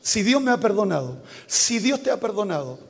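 A high-pitched man preaches, reading scripture aloud and repeating phrases for weight. He breaks into animated, loud impressions of the people in the story. His voice carries a long reverb, as in a large hall. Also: normal speed, vocal fry. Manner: animated, acts out Bible characters with sudden loud exclamations; reads scripture verse by verse and repeats key phrases for emphasis. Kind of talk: sermon.

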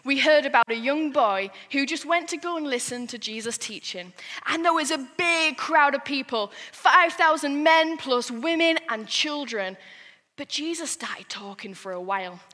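A woman giving a lively, playful sermon to children in church. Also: sits high, moderate pace, long reverb tail. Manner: lively, animated, playful with the kids.

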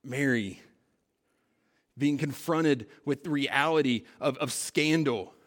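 A man preaching a sermon in a conversational way, building to emphatic peaks and dropping to quiet, stressed lines. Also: medium pitch, slow. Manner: conversational preaching with fillers and paraphrased dialogue. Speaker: pastor.

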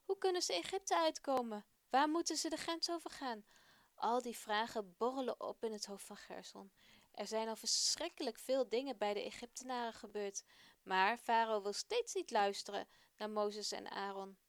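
A woman presenting a children's radio program, reading a story aloud in a friendly, expressive way. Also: a little high, normal speed, no echo.

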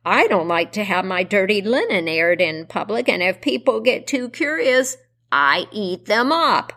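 A sly, menacing old witch from a storybook who eats the curious, drawing each word out slowly and breaking into shrieks when crossed, as a woman puts her on. Her pitch sits in the middle range. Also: big pitch swings, fairly bright tone, full character voice. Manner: slow, drawn-out, shrieking when angry.

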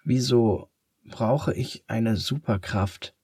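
A man voicing a shy, strange new schoolboy who speaks very quietly, slowly and softly. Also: mid-range voice, breathy edge, dry recording, studio quality, voice pushed up. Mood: timid. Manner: very quiet, slow and soft.

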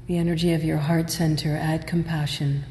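A woman with a mellow voice leads a guided meditation. She gives measured, soothing instructions and leaves long pauses. The recording has a long hall reverb with faint noise behind it. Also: low voice, little pitch movement. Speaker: meditation and yoga teacher.

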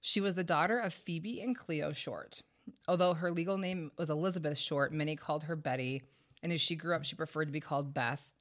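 A woman's voice: sits low, fairly quick. Wry woman storyteller, stuffed up with a cold. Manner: casual, wry, sarcastic asides. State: congested and short of breath from a head cold. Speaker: podcast host. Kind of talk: conversational true-crime storytelling.

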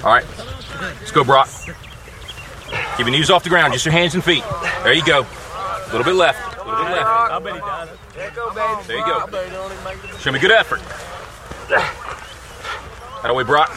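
A man's voice: a little high, lively intonation, measured pace, long pauses, a loud crowd. An actor playing a demanding football coach who pushes his player with short, repeated commands on an outdoor field. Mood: instructive. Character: demanding, relentless male high school football coach. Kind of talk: film drama acting. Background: film score music.

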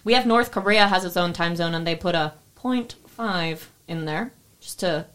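A woman's voice: fairly low pitch, moderate pace, fairly bright tone, clean tone. A young woman co-hosting a podcast, chatting in a casual, tipsy way, swearing lightly and laughing easily. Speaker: podcast co-host. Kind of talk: casual chat.

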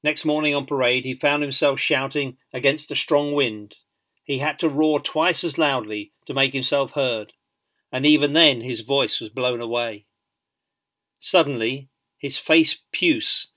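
A man reading a biography as scripted audiobook narration in a measured storytelling manner. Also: mid-range voice, pushed and bright.

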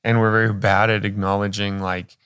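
A man's voice: fairly low pitch, level tone, a little fast, a bit bright, clean tone. A man co-hosting a church podcast, joking and talking through his thoughts in a casual chat. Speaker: podcast co-host and pastor.

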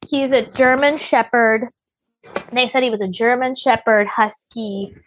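A woman's voice: a little high, measured pace, fairly bright tone, no echo, highs cut off. A woman guest on a podcast, telling a personal story in a rambling, chatty way with many restarts.

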